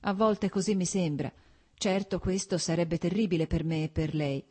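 An agitated young nobleman in love, voiced by a woman reading aloud, speaking in an earnest, urgent, pleading way. The voice stays low and mellow, with a faint huskiness. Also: steady tone, moderate pace, husky.

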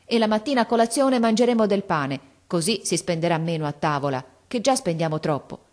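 A woman's voice: on the low side, expressive, a little fast, a little mellow, lightly acted. Woman voicing an earnest, determined young girl. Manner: earnest, pleading and insistent. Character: resolute, loving young girl, older sister.

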